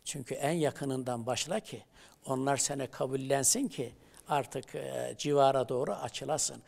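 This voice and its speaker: A middle-aged man, a theology professor, telling religious stories on a studio talk show and reciting Arabic verses with animated emphasis. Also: mid-range voice, measured pace, creaky.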